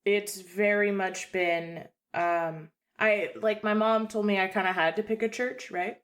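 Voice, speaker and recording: A woman's voice: medium pitch, fairly even intonation, fairly bright tone. A woman taking part in a tabletop game, talking in an earnest, chatty way. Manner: earnest, chatty, quick asides. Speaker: player. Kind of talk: casual tabletop role-play.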